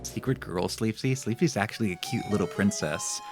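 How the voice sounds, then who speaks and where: A man's voice: lowish voice, moderate pace. A man chatting casually and rambling as he streams a game. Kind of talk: casual chat while gaming. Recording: music behind the voice.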